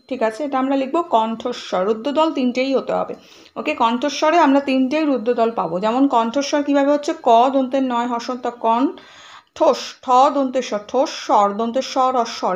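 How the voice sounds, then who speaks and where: A woman's voice: sits high, darkish tone, muffled recording. A woman teacher with a West Bengal Bengali accent, spelling out words letter by letter in a grammar lesson and often checking whether students follow. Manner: spells out letters step by step, checks in with "ঠিক আছে?".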